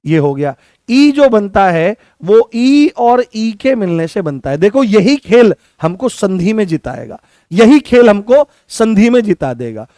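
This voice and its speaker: A male teacher coaching students for an exam. He repeats key points, quizzes the class with questions and stretches vowel sounds out slowly to show them. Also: high-pitched, very animated, dark tone, dry recording, studio quality. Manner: addresses students affectionately as "babu".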